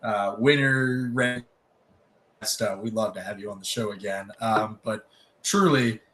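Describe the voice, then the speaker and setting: A man hosting a podcast, upbeat and lively as he signs off the show. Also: lowish voice, unhurried, reverberant. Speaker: podcast host. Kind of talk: casual podcast chat, show sign-off.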